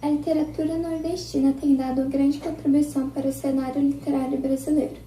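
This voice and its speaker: A woman student reading a prepared school text aloud in a flat, monotone way. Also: high-pitched, brisk. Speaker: student presenter. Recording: roomy, distant recording.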